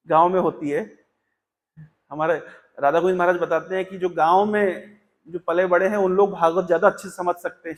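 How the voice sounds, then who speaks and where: High-voiced man teaching a scripture class. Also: in a large hall. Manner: storytelling, quotes couplets slowly and deliberately. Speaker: Bhagavatam class speaker. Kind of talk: Hindi scripture class talk. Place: temple hall.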